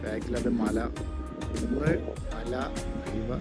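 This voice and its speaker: Guy vlogging a trip, drops english words in, repeats stuff excitedly, medium pitch, loud music over it. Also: slow. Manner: mixes English words into Malayalam. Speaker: travel vlogger and host. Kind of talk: casual travel vlog chat.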